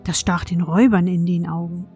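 Gentle woman whispering a bedtime story. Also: lowish voice, fairly even intonation, a little fast, slightly rough, soft background music. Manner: soft and gentle, addresses a child. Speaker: fairy-tale podcast host.

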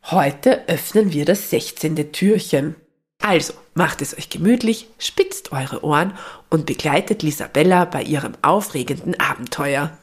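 A woman hosting a podcast and reading a children's advent story in a calm, gentle way. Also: low voice.

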